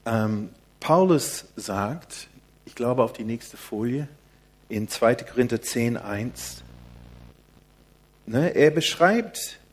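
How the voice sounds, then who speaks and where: An older man preaching a sermon in a quiet, soft-spoken manner. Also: medium pitch, animated, slow, pauses often.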